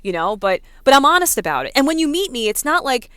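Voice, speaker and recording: A woman in her thirties with a New York accent, ranting casually to her vlog audience, talking fast and packing her speech with "like" and "you know.". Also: high-pitched, very animated, a bit bright, clean tone, dry recording, clean studio sound. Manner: fast, filler-heavy talk with many "like"s and "you know"s. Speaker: vlogger. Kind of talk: casual rant to camera.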